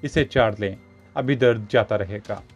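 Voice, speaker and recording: A man's voice: fairly low pitch, a little slow, breathy edge, voice pushed down. A man voicing a middle-aged male village doctor who speaks curtly and with displeasure, over dull lo-fi audio with faint music. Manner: curt, irritated.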